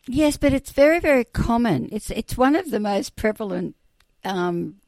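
A middle-aged woman co-hosts a relaxed podcast conversation and talks like a patient teacher breaking ideas down. She laughs easily between points. The recording is dry, with no room sound. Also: a little high, normal speed, no room sound. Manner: laughs often, explains in a teacherly way. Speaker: podcast co-host. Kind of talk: casual chat. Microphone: phone or remote call.

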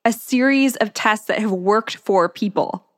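A woman's voice: mid-range voice, unhurried. A woman co-hosting a podcast, reacting and chatting casually with many fillers. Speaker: podcast co-host. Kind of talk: casual chat.

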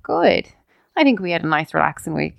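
A woman co-hosting a podcast in casual chat, relaxed, with brief replies and easy laughter. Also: low-pitched, fairly quick, vocal fry, dry recording, studio quality. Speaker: podcast co-host.

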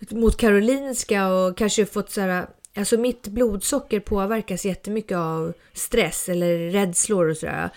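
Middle aged woman on a podcast, telling a story, animated, says um a lot, swears. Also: medium pitch. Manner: animated, swears, frequent fillers. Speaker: podcast host. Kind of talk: casual storytelling chat.

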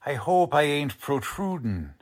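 In the style of a 1940s radio drama, a man plays a cocky, folksy police lieutenant whose tough-guy speech is slangy and ungrammatical. He sounds jovial and blustering, with a voice on the high side, a sing-song lilt, and a measured pace.

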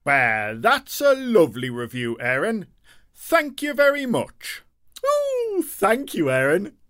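Excitable young pumpkin creature, comic and theatrical, slow pace, hugely swooping pitch, children's story podcast. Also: female voice, heavily acted. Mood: grateful, excited. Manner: theatrical, wildly swooping delivery. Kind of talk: children's audio story character acting.

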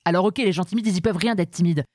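A woman hosting a comic monologue about the origins of insults, talking in a lively, playful, self-mocking way. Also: on the low side, very fast, dry recording, studio quality. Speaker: host.

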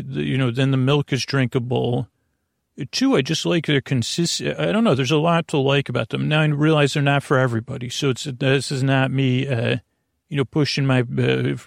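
A sleep podcast host delivers a rambling, goofy bedtime monologue full of friendly banter, often halting, trailing off, and restarting. He has a mid-range voice with vocal fry, recorded in studio quality with no room sound.

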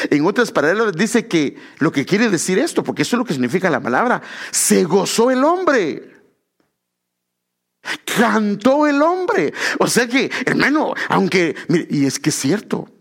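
A man from Guatemala with a Guatemalan Spanish accent, preaching a sermon in an animated way, calling his listeners brother and correcting himself as he goes. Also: fairly high pitch.

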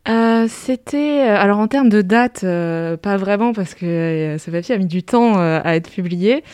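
A woman in her thirties answers interview questions in a smooth, clear voice. She pauses often on fillers as she speaks. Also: medium pitch, lively intonation, darkish tone. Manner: hesitant, frequent fillers. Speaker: guest researcher.

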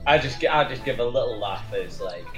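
A man talks casually as a player in a tabletop game. His voice sits at a middling pitch. Music is clearly audible behind him. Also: animated, brisk. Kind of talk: casual in-character game chat.

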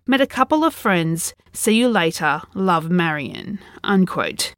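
A woman hosting a podcast, reading a scripted true crime narration in a measured, serious, suspenseful storytelling manner. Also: lowish voice, lively intonation, no room sound, clean studio sound.

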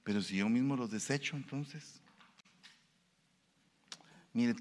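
A man's voice: takes it slowly, big-room sound. A male preacher, giving a sermon and asking his listeners questions. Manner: animated, shifts pitch and pace for emphasis, asks the audience questions.

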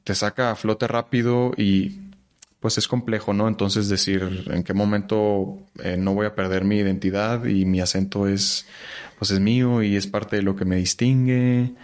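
A man from Chihuahua with a northern Mexican accent, an actor guest talking in a relaxed podcast chat, reflective and full of fillers and restarts. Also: on the low side, moderate pace. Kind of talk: casual podcast conversation.

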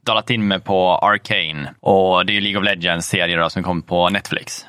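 A man with a low voice and a bright, forceful edge chats casually about games on a podcast. He rambles with lots of fillers and easy swearing, recorded dry and close. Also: steady tone, clean tone, dry recording. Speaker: podcast co-host.

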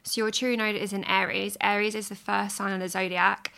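A woman hosting a podcast, reading an astrology chart in a measured, explanatory way. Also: mid-range voice, flat delivery, gravelly, pushed and bright, clean tone.

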